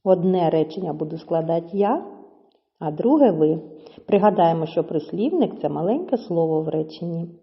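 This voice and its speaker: A woman teacher giving a slow, clear lesson to children, stretching words out syllable by syllable. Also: on the low side, animated. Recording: dull audio with long reverb.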